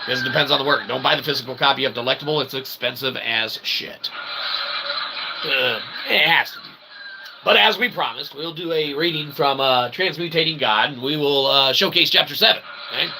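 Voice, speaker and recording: Speaking a little fast at medium pitch, a man hosts a livestream with a rambling philosophical monologue. His phrasing is wordy and convoluted with frequent tag questions, and background noise is clearly audible.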